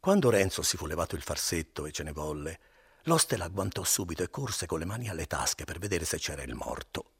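A man narrating a classic novel as an audiobook, with an expressive, dramatic reading. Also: low-pitched, fairly quick, breathy edge, no room sound, clean studio sound.

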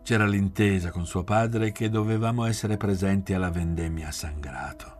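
A man reading a novel aloud in measured, quiet literary narration. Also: deep voice, soft background music. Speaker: reader.

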